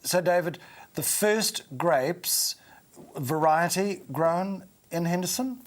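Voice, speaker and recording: A man's voice: sits high, slow. A man hosting a conversational broadcast interview, prompting his guest with interested questions and short exclamations. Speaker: host interviewing a wine maker on a shopping show.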